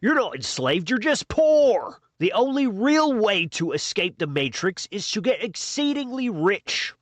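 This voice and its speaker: A man voicing a brash, boastful rich young man who sneers at the poor in a loud, drawn-out way. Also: high-pitched, sing-song, dry recording, full character voice. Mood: sneering. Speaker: comedy sketch performer.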